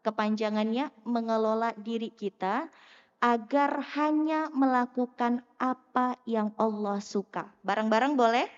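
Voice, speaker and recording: A woman giving a lively sermon to a live audience, teasing and asking the crowd questions. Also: fairly high pitch, unhurried. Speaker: preacher. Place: mosque hall. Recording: muffled sound in a long-echo hall.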